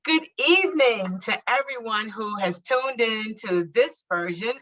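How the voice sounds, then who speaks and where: A bright, clear-toned woman hosting a streamed podcast interview. She talks in an upbeat, chatty way and laughs easily between her points. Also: fairly high pitch, lively intonation, measured pace, soft background music, poor audio. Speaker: podcast host.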